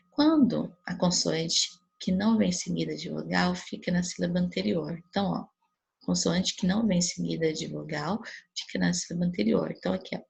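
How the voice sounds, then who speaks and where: A Brazilian woman teacher talks through a grammar review in a patient, steady way, often pausing to check that the class follows. Her voice is very gravelly and rough. It is also strongly husky, with a breathy edge. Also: lowish voice. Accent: Brazilian Portuguese. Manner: patient explaining with frequent checks like "né?" and "tá?". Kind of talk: recorded grammar review lesson.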